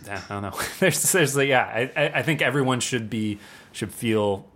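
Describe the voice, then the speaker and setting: A man, a percussionist and composer guest, talking in a casual conversation, halting and full of fillers and restarts. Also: mid-range voice, a bit bright.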